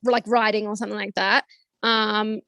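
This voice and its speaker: A woman's voice: mid-range voice, flat delivery, normal speed, pushed and bright, no echo. Rambling woman guest, dry sound. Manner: rambling, lots of "like" and "you know". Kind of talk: casual chat.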